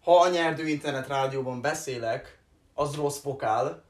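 A man's voice: medium pitch, echoey room. A young man co-hosting an amateur internet radio show, bantering and making up silly rhymes. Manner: joking, quick rhyming banter. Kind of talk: casual chat, improvised rhymes.

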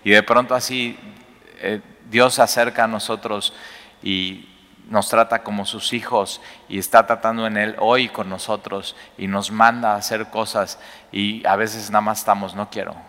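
A man, preaching a sermon in a conversational, animated way with rhetorical questions. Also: fairly low pitch, normal speed. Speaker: pastor. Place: church hall. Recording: echoey hall.

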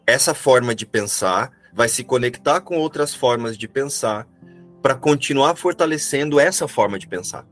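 A man calmly explaining a spiritual lesson and asking rhetorical questions, as a teacher would. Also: mid-range voice, normal speed, soft background music.

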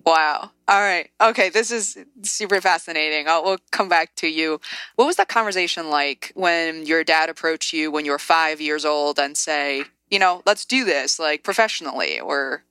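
A woman's voice: low voice, moderate pace, sharp tone, smooth. A woman interviewing a guest casually, eager and reacting often with "wow". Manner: eager, reacts with frequent wows.

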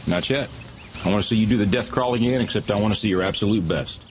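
Man acting firm, low-key football coach. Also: fast talker, slight background noise, natural voice. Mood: calm, firm. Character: firm, challenging male high school football coach. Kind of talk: film drama acting.

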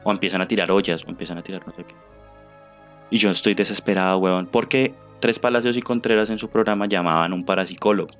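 A man with a Colombian accent, co-hosting a podcast and telling a ghost story in animated, slangy chat, acting out the people he quotes. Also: low voice, fast talker, faint music behind. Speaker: podcast co-host. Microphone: remote call mic.

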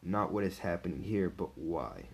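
A man reading the lines of a thoughtful male sea king hero in a deliberate, probing way. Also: low-pitched, big pitch swings, vocal fry, exaggerated voice.

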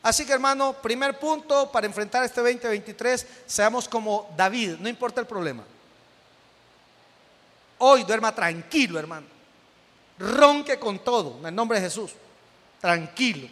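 A man's voice: high-pitched, animated, unhurried, pauses often, fairly bright tone. A man with a Salvadoran accent preaching a sermon as pastor, joking with the congregation, acting out everyday scenes and calling out to them. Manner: calls out to the congregation. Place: church hall. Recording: echoey hall with long reverb.

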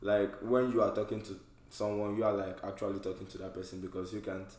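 Low-voiced man leading a casual chat. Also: flat delivery, quick pace, darkish tone. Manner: conversational, many fillers like "like" and "you know". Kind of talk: casual group discussion. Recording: echoey room.

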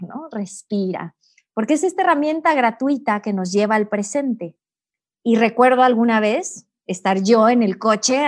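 Middle-aged woman, calm coach-y guest, keeps asking "no?" as she explains. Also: on the high side. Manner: calm, teacherly, with many "¿no?" tags. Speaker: guest, personal growth coach. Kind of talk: reflective interview talk.

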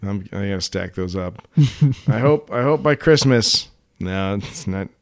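A man's voice: fairly low pitch, animated, measured pace. Joking, laughing podcast co-host man. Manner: joking, laughs often, trails off into restarts. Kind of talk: casual comedic chat.

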